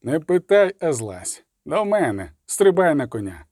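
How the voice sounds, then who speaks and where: Geralt, a man doing a curt gruff witcher. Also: a little high, very animated, unhurried, a little mellow, no echo, clean studio sound, full character voice. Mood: urgent. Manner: curt, brusque.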